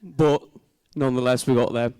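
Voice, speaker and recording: A man delivers an informal wedding speech in a smooth, clear voice with very little echo. He sounds sincere and slightly hesitant, like a brother addressing family and friends. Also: medium pitch, fairly even intonation, normal speed, mellow, clean studio sound.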